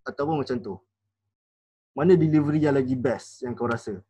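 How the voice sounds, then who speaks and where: A man's voice: mid-range voice, brisk, warm tone, breathy edge, dry recording. A man, a rapper, chatting casually on a live stream and explaining battle rap, acting out lines in different tones. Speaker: rapper giving battle tips.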